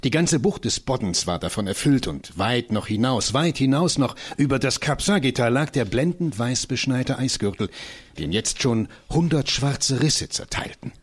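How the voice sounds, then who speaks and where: A man's voice: mid-range voice, lively intonation, normal speed, breathy edge. A man reading literary prose aloud in a staged reading, telling it dramatically and expressively. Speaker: reader.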